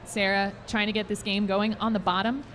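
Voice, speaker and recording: A woman's voice: medium pitch, little pitch movement, brisk, a bit bright, slight background noise. A woman commentating a live game match at a gaming expo, giving upbeat play-by-play. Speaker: esports commentator.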